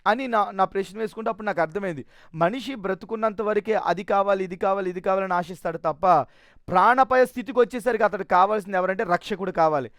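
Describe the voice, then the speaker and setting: A man's voice: high-pitched, quick pace, fairly bright tone, no echo, studio quality. A man giving a personal testimony in an earnest, emotional way, often restarting his sentences.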